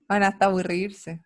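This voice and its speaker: A woman with a Chilean Spanish accent teaching an online science class, checking in with students often and praising their answers. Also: medium pitch. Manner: checks in often with quick tags, upbeat praise.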